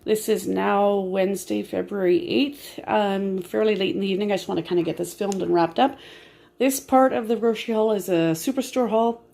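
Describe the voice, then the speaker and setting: A woman with a breathy voice, short of breath from bronchitis, chatting casually in a rambling, explanatory way as an amateur vlogger filming on a handheld phone at home. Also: mid-range voice, fairly even intonation, moderate pace, warm tone. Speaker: amateur grocery haul vlogger. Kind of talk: casual chatty haul narration. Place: indoors at home.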